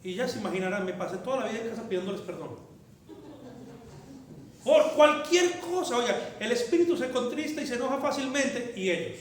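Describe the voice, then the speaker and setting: A pastor preaches in an animated way, moving from loud declarations to quiet storytelling. His voice sits very high for a man. It rings through a big, very echoey church sanctuary. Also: brisk, distant mic. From Colombia. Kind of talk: sermon.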